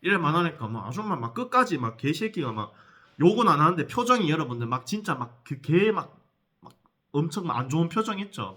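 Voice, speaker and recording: A man tells his viewers a heated story, and he swears as he goes. His voice is bright and sharp, and his pitch swings up and down with every turn of the story. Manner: heated, profane, addresses viewers directly. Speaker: vlogger telling a personal story. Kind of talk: animated storytelling vlog.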